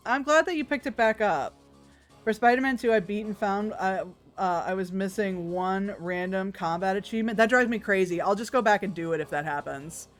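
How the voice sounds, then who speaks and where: A woman's voice: medium pitch, normal speed. A woman giving casual, chatty video game commentary as a streamer, playful and wry, with some swearing. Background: music.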